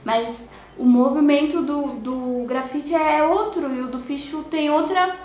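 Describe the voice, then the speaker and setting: A woman's voice: sits high, a little slow, a little mellow. A woman, a guest in a casual discussion, speaking reflectively with hesitations and trailing phrases. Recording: roomy echo.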